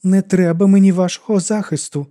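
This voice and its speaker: A woman's voice: lowish voice, steady tone, a little fast, dark tone, dry recording, clean studio sound, pitched above the performer's own voice, lightly acted. A man voicing a terrified young woman who pleads and screams to get away, in an audiobook reading. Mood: frightened pleading.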